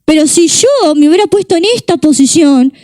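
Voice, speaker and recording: A young woman with a Rioplatense Spanish accent preaches with passion, stacking up rhetorical questions. Her voice sits high yet sounds mellow and warm. The recording is dry and close. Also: lively intonation, normal speed, no echo. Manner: impassioned, repetitive rhetorical questions. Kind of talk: sermon.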